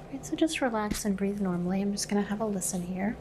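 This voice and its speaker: A soft-spoken woman in an ASMR medical exam, acting as examiner and calmly explaining each step with gentle instructions. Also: medium pitch, fast talker, noisy background.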